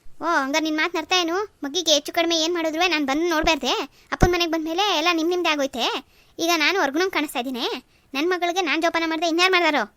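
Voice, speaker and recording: Brief: a performer doing an accusing young husband in a cartoon, high voice, quick and dry. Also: steady tone, pushed and bright, dry recording. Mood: indignant. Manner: accusing, scolding. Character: angry young husband scolding his in-laws. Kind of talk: cartoon voice acting.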